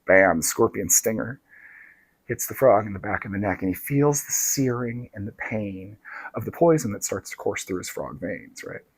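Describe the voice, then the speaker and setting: A man's voice: mid-range voice, dry recording. A man who reads tarot telling a fable in a casual, conversational way, often tossing in "right?". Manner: conversational, tag questions, addresses listeners as dark and lovely souls. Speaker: tarot reader and storyteller. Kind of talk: casual storytelling to followers.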